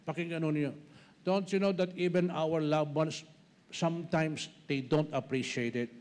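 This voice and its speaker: A man's voice: on the high side, steady tone, moderate pace, darkish tone. A middle-aged man with a Filipino accent preaching a sermon, mixing Tagalog and English and calling his listeners brothers and sisters. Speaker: pastor.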